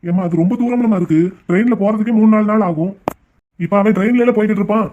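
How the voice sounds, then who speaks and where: A man's voice: sits high, fast, warm tone, highs cut off, a little hiss or hum, close to an everyday voice. A man voicing a meek, fretful tea shop owner in a cartoon, talking in a pleading way. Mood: worried. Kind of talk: cartoon voice acting.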